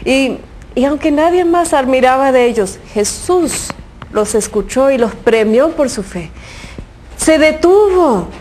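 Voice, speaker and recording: A woman's voice: high voice, lively intonation, a little slow, darkish tone, a little hiss or hum. A woman giving a reflection on a Gospel passage, earnest and fervent, with many rhetorical questions. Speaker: religious speaker reflecting on the Gospel.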